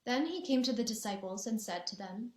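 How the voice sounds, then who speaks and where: A woman narrating a gospel passage in a church dramatic reading, steady and clear. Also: on the high side, fairly quick. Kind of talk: scripture narration. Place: church sanctuary. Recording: echoey church room.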